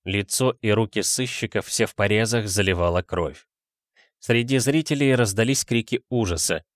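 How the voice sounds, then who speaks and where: A man narrating an adventure audiobook in steady storytelling. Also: fairly low pitch, normal speed, no echo, clean studio sound. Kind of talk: scripted narration.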